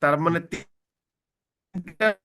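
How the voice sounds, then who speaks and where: A man's voice: a little high, bright, forceful tone. A man teaching a grammar class over an online call, his voice choppy and glitchy as the connection breaks up. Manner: slow, word-by-word explaining. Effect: choppy, breaking-up online call audio. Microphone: online video call. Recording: glitchy internet call with dropouts.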